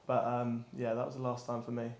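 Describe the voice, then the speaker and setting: A man's voice: medium pitch, monotone, fairly quick, darkish tone. Young guy chatting casually in an interview, mid voice, roomy echo. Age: 20s. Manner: casual, laughs things off. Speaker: student footballer. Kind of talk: personal interview testimony. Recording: echoey room.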